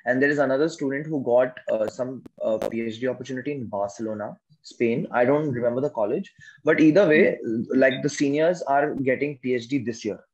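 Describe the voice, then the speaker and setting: A man's voice: mid-range voice, a little fast, a little mellow. A man in his twenties with an Indian accent, explaining things casually as a student on a video call. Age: 20s. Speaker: graduate student being interviewed. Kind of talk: casual explanatory answers in an interview. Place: small room at home, indoors. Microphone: video call, device at arm's length. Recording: slightly dull video-call audio.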